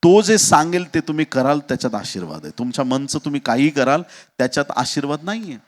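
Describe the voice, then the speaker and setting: A man preaching a sermon as pastor, dramatic, with sudden shouts and acted quotes. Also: a little high, sing-song, fast.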